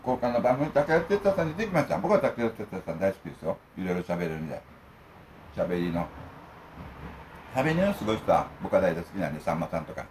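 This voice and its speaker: A middle-aged man from Okinawa chats at his table in a low voice that swoops up and down with lively pitch. He rambles from one joking story to the next. Faint noise sits under the voice. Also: fairly quick. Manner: jokey, wandering storyteller. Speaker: food vlog host. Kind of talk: casual rambling chat while eating.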